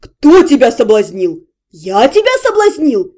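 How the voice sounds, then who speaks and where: A woman voicing a loud, indignant young nobleman in an audiobook, whining and protesting. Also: high voice, normal speed, lightly acted. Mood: outraged, whiny. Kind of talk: audiobook character reading.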